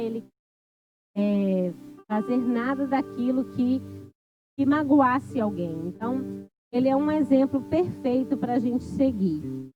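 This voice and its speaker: A woman giving an informal church sermon, halting with many fillers and restarts. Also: fairly high pitch, narrow, tinny audio. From Brazil. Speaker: church speaker.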